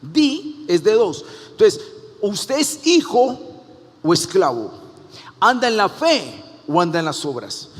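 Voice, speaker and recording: An older man preaches to his congregation in a lively, animated way, slipping into the voices of the people he quotes. His voice sits high for a man. A long hall reverb trails behind every line. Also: slow pace. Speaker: pastor. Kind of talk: sermon.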